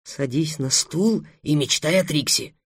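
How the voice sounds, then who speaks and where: A man voicing a brusque troupe actor talking in low, hushed tones backstage. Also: slightly rough, no room sound, studio quality. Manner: low hurried whispering.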